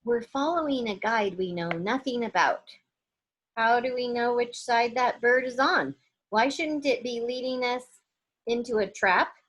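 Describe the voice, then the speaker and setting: A woman's voice: fairly high pitch, a little slow, fairly bright tone. A woman reading the part of a sulky, suspicious young boy in a storybook, with a needling, grumbling manner.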